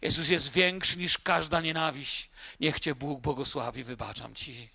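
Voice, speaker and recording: A preacher voicing a calm forgiving prisoner. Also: male voice, mid-range voice, measured pace, gravelly, pitched below the performer's own voice, exaggerated voice. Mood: quiet, calm. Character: gaunt forgiving male prisoner, quiet and calm.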